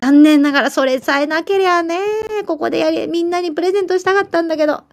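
A woman with a Kyushu accent chatting casually as a livestream host, lively and laughing often while answering viewer comments. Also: very high-pitched, quick pace. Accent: Kyushu Japanese. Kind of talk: casual chat.

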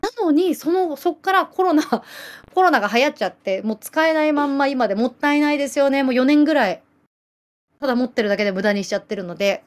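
A woman in her late thirties with a bright, high voice and a Nagasaki island accent chats casually with her livestream viewers. She tells animated stories, giggles often, and reads out their comments. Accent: Nagasaki island dialect. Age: late 30s. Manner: chatty, giggly, animated storytelling. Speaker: livestream host.

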